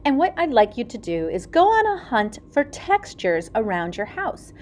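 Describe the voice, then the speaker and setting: A woman art teacher giving young children a craft lesson in a bright, upbeat kids' presenter manner, explaining step by step and checking in with simple questions. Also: fairly high pitch, big pitch swings, moderate pace, slight background noise. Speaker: elementary school art teacher. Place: indoors in school stairwell and hallway.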